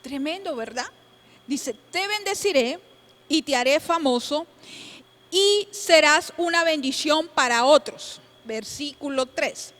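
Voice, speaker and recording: A woman's voice: sits high, animated, takes it slowly, fairly bright tone. A woman teaching a Bible study class, emphatic, asking her listeners questions and answering them herself, repeating key points. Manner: emphatic, exclaims "tremendo". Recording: long hall reverb.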